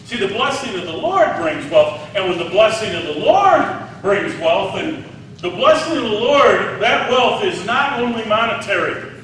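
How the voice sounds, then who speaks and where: His pitch sits high and swings widely as this sixty-something pastor preaches at a moderate pace, questioning his listeners in a conversational style. The tone is a bit bright, with slight background noise, and a distant mic catches the large hall's echo.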